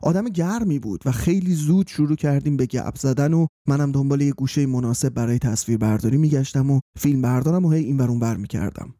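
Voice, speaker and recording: A man in his forties from Iran, telling a personal story in a wry, self-mocking, unhurried way. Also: mid-range voice, warm tone, dry recording, clean studio sound. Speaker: storyteller and documentary reporter. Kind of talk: scripted personal storytelling over music. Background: faint background music.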